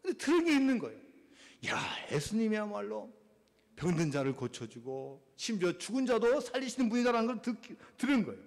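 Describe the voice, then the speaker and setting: High-voiced preaching man, echoing hall. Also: big pitch swings, brisk. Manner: preaching, acts out quoted voices, swings from loud to hushed. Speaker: pastor. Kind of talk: sermon. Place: church sanctuary. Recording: long reverb of a church hall.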